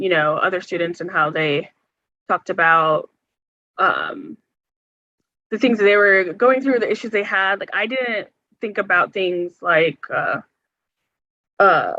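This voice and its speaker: A woman's voice: fairly low pitch, bright, forceful tone, no echo. A young woman from the United States, an organizer, earnestly answering forum questions with many hesitations and filler words. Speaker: health care organizer, forum guest speaker. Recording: dull, muffled sound.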